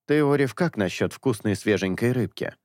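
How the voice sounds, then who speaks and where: A man's voice: mid-range voice, expressive, normal speed, a little mellow, no room sound, natural voice. Man voicing a patient, coaxing young priest. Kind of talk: audiobook character dialogue.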